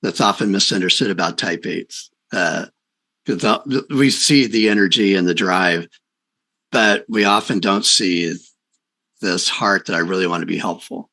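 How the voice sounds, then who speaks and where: A podcast host with a low, pushed and bright voice speaks at a measured pace in a conversational interview, affirming his guest. He also explains points to listeners and offers wrap-up commentary.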